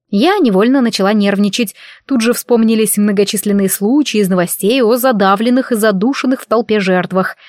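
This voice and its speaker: A woman narrating a novel in the first person, with steady, engaged storytelling. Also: mid-range voice, dry recording, clean studio sound. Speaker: audiobook narrator.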